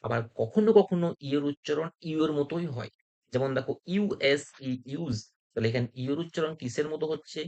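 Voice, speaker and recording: Male teacher, higher-pitched voice, patient step-by-step lesson with rhetorical questions. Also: brisk, gravelly, dark tone, muffled recording. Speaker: English teacher. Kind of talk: spoken English lesson.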